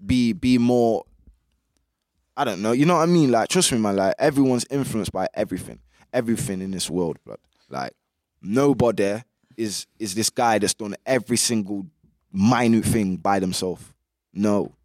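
A man's voice: on the low side, lively intonation, normal speed, a little mellow, no echo, clean studio sound. A young man with a British urban roadman accent, giving his opinions in casual interview chat full of street slang. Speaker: music artist being interviewed.

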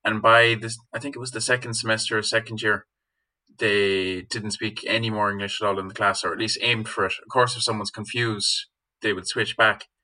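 A young man with a west of Ireland accent gives informal interview answers as a student guest. His voice is a little low and clearly bright, with very little movement in pitch. He speaks hesitantly, feeling his way through each answer. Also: steady tone, a little fast, poor audio. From Galway, Ireland. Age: young adult.

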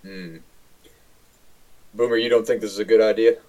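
A man playing a tabletop role-playing game, speaking casually and politely in a measured way. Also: on the low side, fairly even intonation, dark tone, low-quality recording. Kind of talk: casual in-character role-play.

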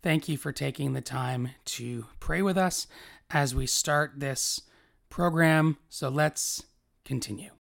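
Earnest pastor with a gravelly voice. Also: male voice, a little high, takes it slowly, a bit bright. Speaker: pastor and podcast host. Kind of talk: prayer, then podcast hosting.

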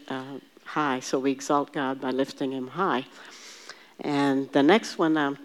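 A woman with a rumbling low voice leads a Bible study group, patiently explaining words one at a time and having the class repeat them. She often restarts her sentences as she thinks aloud.

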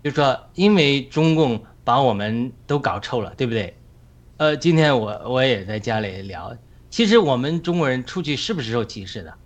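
A man leading a group discussion, talking in a measured way and often checking for agreement with tag questions. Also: medium pitch, animated. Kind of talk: casual spoken sharing.

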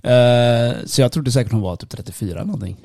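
A man, co-hosting a casual podcast chat, telling stories in an animated way, acting out quoted lines and laughing often. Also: medium pitch, creaky, dry recording, clean studio sound. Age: 30s. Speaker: podcast co-host.

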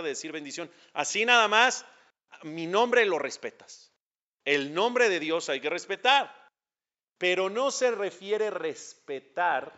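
A rabbi with a Mexican accent teaches a religious class in a fairly high voice, stressing his points and putting questions straight to his listeners. The recording sounds dull and lo-fi. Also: fairly bright tone. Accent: Mexican Spanish.

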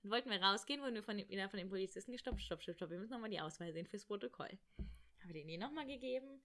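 Young woman rattling off a wild travel story, super quick, animated, does little voices for people. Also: medium pitch. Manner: animated, rushed, acts out quoted voices. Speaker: storyteller guest. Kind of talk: casual chat, telling a travel story.

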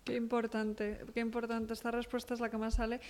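A woman hosting a podcast, asking questions and affirming her guest warmly. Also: on the high side, completely flat delivery, fairly quick. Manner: encouraging, affirming. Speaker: podcast host. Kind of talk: podcast interview.

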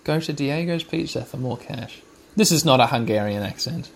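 A man hosting a podcast narrates a video game for listeners as he plays, offering chatty, wry running commentary. His mid-range voice is animated and moves at a normal speed.

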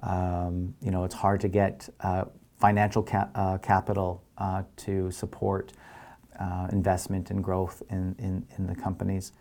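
A man answering interview questions as an organisation leader, explaining in a measured way with pauses and emphasis on key words. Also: low voice, monotone, a little mellow. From Canada.

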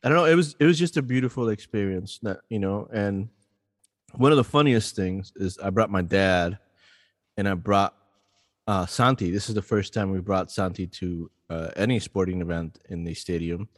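Low-voiced man telling rambling stories. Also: normal speed, no room sound, studio quality, long reverb tail. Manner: rambling, animated storyteller with many restarts. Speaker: podcast co-host. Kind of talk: casual podcast chat.

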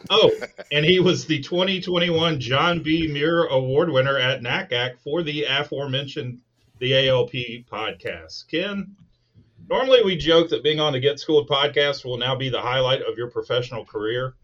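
A man's voice: mid-range voice, normal speed, fairly bright tone, muffled recording. A man co-hosting a podcast, introducing a guest in a friendly, chatty way. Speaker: podcast co-host. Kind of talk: casual podcast chat.

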